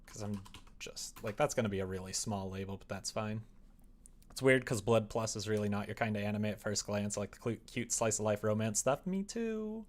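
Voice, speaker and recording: At an indoor desk, a young adult livestreamer works on his visual novel, quietly muttering over the keyboard, then chatting with viewers in a livelier way. His voice is lowish and expressive, moving at a normal pace.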